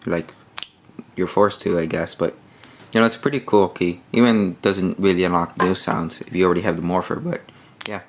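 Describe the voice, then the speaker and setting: Low-voiced man rambling through a toy review. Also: fairly even intonation, moderate pace. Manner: rambling, many fillers like "like" and "yeah"; hands-on, demonstrating while talking.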